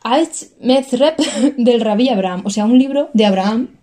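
Young woman, chatty co-host, rambling storyteller, slightly high voice. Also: lively intonation, normal speed, dark tone. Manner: chatty, laughs often, rambling storyteller with self-corrections. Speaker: podcast co-host telling a story. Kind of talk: casual chat.

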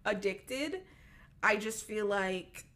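A woman's voice: medium pitch, animated, slow pace, fairly bright tone. A young woman co-hosting a podcast, chatting casually with lots of fillers and frequent laughter. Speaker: podcast co-host. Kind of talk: casual chat.

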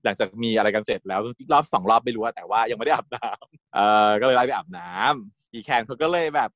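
A man's voice: medium pitch, fast talker, fairly bright tone, no echo, clean studio sound. A man casually retelling a TV series episode, chatty and giggly, slipping into the characters' lines as he goes. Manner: chatty, giggles often, acts out quotes. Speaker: series recap host. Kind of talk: casual storytelling recap.

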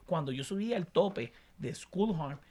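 A Puerto Rican man, a podcast co-host, telling an animated story in casual chat. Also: on the high side. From Puerto Rico. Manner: animated storytelling, quick, with restarts.

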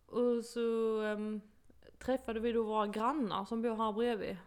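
A woman's voice: a little high, smooth. A young woman from Sweden in her twenties, telling a story in casual chat and acting out what people said. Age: 20s. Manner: animated storytelling, acting out quotes, laughs often. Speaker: podcast co-host telling an au pair story.

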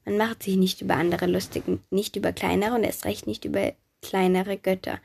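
A woman narrating a children's myth in first person, lively and chatty, speaking directly to the listener. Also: mid-range voice, brisk, vocal fry, breathy edge. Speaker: storyteller.

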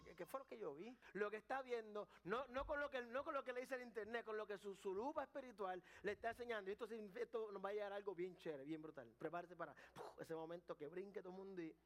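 High-voiced preacher man. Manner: addresses the congregation directly with questions. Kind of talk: sermon.

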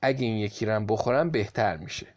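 A man's voice: on the low side, darkish tone, highs cut off, a little hiss or hum, close to an everyday voice. A man voicing a greedy peasant wife who muses slyly to herself, in a storybook reading. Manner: musing to herself. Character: greedy peasant wife, sly and self-justifying.

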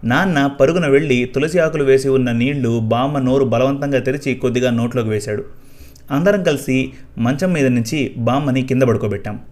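A man narrating a first-person story in a quiet, even storytelling way. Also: medium pitch, a little fast.

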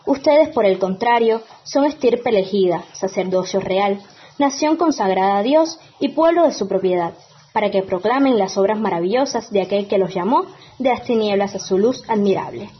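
A woman's voice: mid-range voice, animated, normal speed, slightly rough, muffled recording. A woman reading scripture as a lector at Mass in a formal, declamatory manner.

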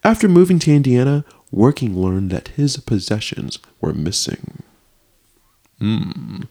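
A man's voice: mid-range voice, very animated, moderate pace, warm tone. A man co-hosting a casual chat, reading a news story aloud in an overly dramatic way, often stumbling and restarting. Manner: reads news in a put-on dramatic voice. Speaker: podcast co-host.

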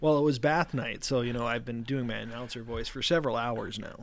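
A man's voice: mid-range voice, steady tone, brisk, slight background noise. A man co-hosting a casual podcast chat, easygoing with dry, short replies. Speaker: podcast co-host.

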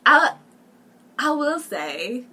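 A woman's voice: high-pitched, big pitch swings, drawn-out words, bright, forceful tone. A young woman co-hosting a casual chat, playful and laughing often.

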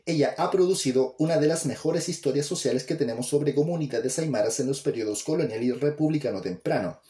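Mellow-voiced man reading aloud. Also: mid-range voice. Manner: plain, unhurried reading, self-correcting mid-phrase. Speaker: reader. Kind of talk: amateur reading aloud of an academic book. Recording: roomy echo.

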